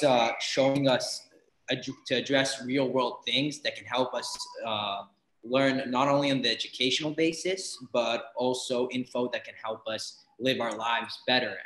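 A male student speaks at mid pitch with earnest conviction, breaking often into "uh." His voice carries a noticeable room echo. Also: steady tone, unhurried, fairly bright tone, slight background noise. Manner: earnest, with many uhs. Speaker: student guest. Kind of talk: casual interview answer.

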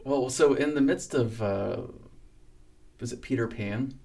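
A man's voice: medium pitch, unhurried, vocal fry, darkish tone. A man as a guest in a casual chat, rambling through stories with many fillers and laughs.

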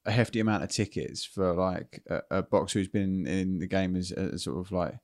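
A man asking casual interview questions in a halting, rambling way. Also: low voice, steady tone, a little mellow. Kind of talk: casual chat.

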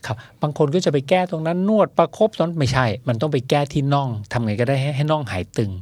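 A man's voice: fairly high pitch, fast talker, darkish tone, no room sound. A man in a casual chat, making short comments and brief explanations.

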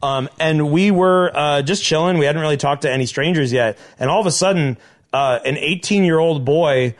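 A man's voice: on the high side, normal speed. A young man co-hosting a podcast live from a living room, telling a story in a rambling way full of fillers and restarts. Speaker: podcast co-host. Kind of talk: casual storytelling chat.

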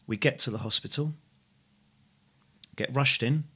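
A middle-aged man, talking candidly on a podcast, halting and repeating himself, now and then swearing. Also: mid-range voice, bright, forceful tone, slightly rough. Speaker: podcast co-host sharing his story. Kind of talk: candid conversational podcast talk.

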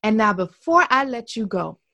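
A woman's voice: on the high side, very animated, moderate pace, gravelly, dull audio. Woman hosting a faith-based interview. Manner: warm affirming, many soft mm-hmms. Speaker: podcast host.

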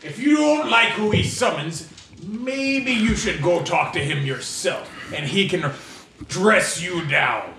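A man doing a gruff piratey dwarf cleric. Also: fairly high pitch, very animated, moderate pace, pushed and bright, full character voice. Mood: stubborn. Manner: stubborn, defiant. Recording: echoey room, faint noise.

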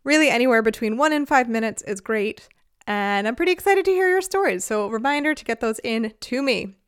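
A woman's voice: fairly high pitch, lively intonation, a little fast, a bit bright, smooth, no room sound, clean studio sound. A woman hosting a podcast, talking in a chatty, upbeat way and laughing easily. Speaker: podcast host. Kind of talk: casual podcast talk. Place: lives in Germany.

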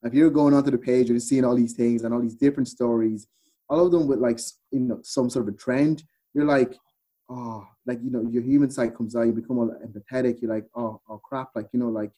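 A guest on a podcast, this man from Ireland relates a story in casual chat, repeating bits of dialogue as he goes. His medium-pitched voice is warm, fairly quick, and fairly even in intonation.

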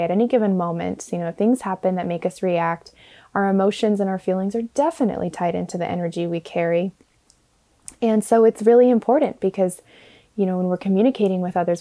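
Muffled, mellow-voiced woman podcasting. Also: mid-range voice. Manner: thoughtful, many fillers and restarts. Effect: muffled audio from a fallback microphone. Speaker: podcast host and speech-language pathologist. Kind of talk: casual reflective monologue.

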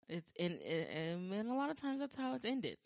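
A woman chatting casually about her dating experiences, rambling with frequent restarts and fillers, and acting out quoted lines with lively jumps in pitch. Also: no room sound. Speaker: podcast talker sharing dating stories. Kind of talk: casual chat.

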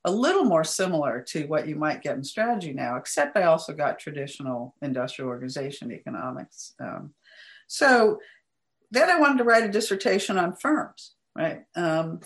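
A middle-aged woman academic recounting her path in a relaxed interview, chatty with frequent small laughs and restarts. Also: deep voice, normal speed. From United States. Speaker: guest academic. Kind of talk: interview conversation.

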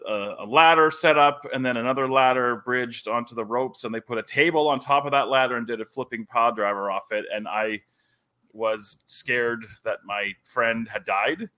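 A man in his forties, a wrestling commentator, telling stories animatedly in a casual podcast chat. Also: fairly low pitch. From Canada. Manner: animated storyteller, laughs often.

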